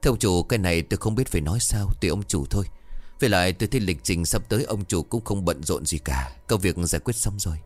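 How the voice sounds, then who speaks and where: A man's voice: low-pitched, lively intonation, fast. A man voicing a polite, deferential chauffeur who addresses his employer respectfully. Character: deferential young male chauffeur.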